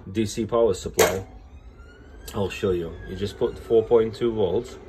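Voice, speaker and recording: Filmed by a phone camera over the bench, a man with a cold gives a casual repair demo on a phone, speaking plainly and explaining with occasional restarts. His fairly low voice keeps a steady, dark tone at a measured pace, with a little hiss or hum.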